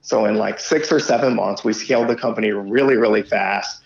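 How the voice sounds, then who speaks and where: A chatty man in his fifties with a gravelly, creaky voice, talking through a casual interview as a startup founder. His talk is full of "you know" and "right?" The call audio is dull and lo-fi. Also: on the low side, fairly quick. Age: 50s.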